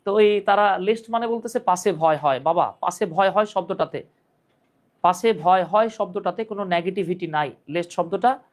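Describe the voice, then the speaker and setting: A man's voice: high voice, moderate pace. A man from Bangladesh teaching an English grammar lesson on a live stream, chatty and joking as he talks straight to his students. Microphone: phone.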